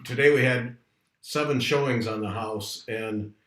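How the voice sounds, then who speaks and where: A man's voice: mid-range voice, a little slow, a crowd in the background. A man's voice in a middle register rings around a bare, unsoundproofed room with a strong echo. He hosts a casual livestream chat, chatty and rambling as he talks to viewers. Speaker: host. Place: room at home, not soundproofed.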